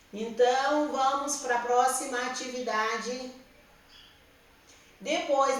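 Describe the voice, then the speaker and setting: A woman's voice: on the high side, sharp tone, far from the mic. A woman with a Brazilian Portuguese accent, a teacher patiently explaining a lesson to young pupils and checking they follow. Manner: patient, repeats and checks understanding with "tá?". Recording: roomy echo, speaker somewhat off-mic.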